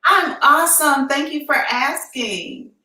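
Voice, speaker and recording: An American woman with a bright, high voice hosts a live advice show as a psychic reader, chatting slowly, candidly, and casually on a live stream with slangy phrasing. The recording is echoey and distant, and she seems to be in an emptied-out indoor room.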